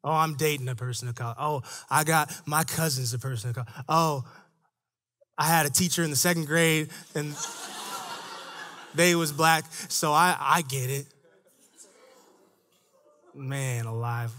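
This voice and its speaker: A man's voice: on the high side, steady tone, slow, long pauses, pushed and bright. A man preaching a sermon to young adults, chatty and laughing at his own stories, then rising into an emphatic preaching cadence.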